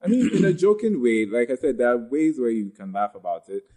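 A man as a podcast guest talking casually, pausing to search for his words. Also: mid-range voice, very animated, mellow. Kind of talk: casual discussion.

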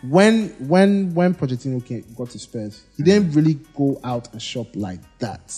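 A man co-hosting a casual football podcast, with a mellow, slightly husky voice. He talks in a hesitant way, restarting his sentences as he argues his point. Faint music sits behind him. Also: fairly high pitch, expressive, moderate pace. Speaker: podcast co-host.

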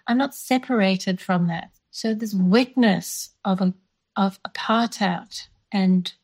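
Thoughtfully looking back on her life, a woman in her fifties from South Africa, whose first language was Dutch, talks as an interview guest. Her voice is medium-pitched and a little mellow, and she hedges often, filling pauses and restarting sentences.

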